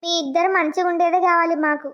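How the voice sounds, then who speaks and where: Mother-in-law: soothing village elder voiced by a woman, very high gentle voice. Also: steady tone, fast talker, muffled recording, background noise.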